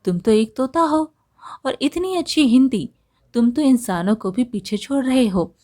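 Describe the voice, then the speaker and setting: A woman voicing a brave, poor young village woman who talks in sharp, indignant questions. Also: a little high, lively intonation, normal speed, voice pushed up. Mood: curious.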